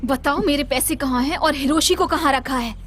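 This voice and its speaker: A woman's voice: sits high, fairly quick, a little hiss or hum, close to an everyday voice. A woman dubbing a tough young student vigilante who talks boldly and commands others, in a Hindi film dub. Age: young adult. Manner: bold, commanding.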